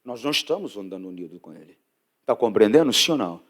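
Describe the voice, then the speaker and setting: A man preaching a sermon as pastor, drawing out scripture and rising to loud, emphatic peaks. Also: lowish voice, expressive. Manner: preaching with sudden loud emphatic rises and drawn-out scripture reading.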